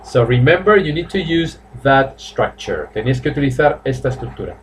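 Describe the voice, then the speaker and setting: In a live online class held from a small room at home, this fifty-something man from Spain teaches English bilingually, going back and forth with Spanish and drilling phrases through slow repetition. He sounds animated in a mid-range voice, with a little hiss or hum.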